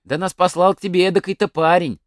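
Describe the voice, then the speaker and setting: A man's voice: high-pitched, steady tone, quick pace, no echo, studio quality, voice pushed up, natural voice. A man voicing a group of meek wandering beggars in a folk tale, asking pleadingly.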